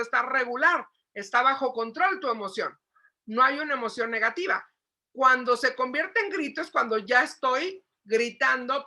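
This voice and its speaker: Woman, psychologist, lively parenting lecture, high voice, bright tone. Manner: animated, asks the audience questions, acts out shouting. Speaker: psychologist giving a parenting talk.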